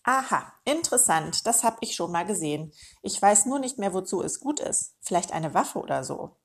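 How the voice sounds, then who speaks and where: A woman's voice: mid-range voice, very animated, normal speed. A woman voicing a boastful old male meerkat uncle in a children's storybook, talking in a pompous, self-important way.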